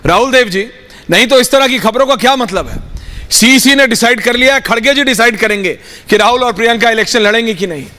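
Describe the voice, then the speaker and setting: A TV news anchor moderating a live panel debate, firmly cutting in to take back the floor. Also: female voice, a little high, fast talker, bright, forceful tone, big-room sound. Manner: firm, cuts in repeatedly to take back the floor.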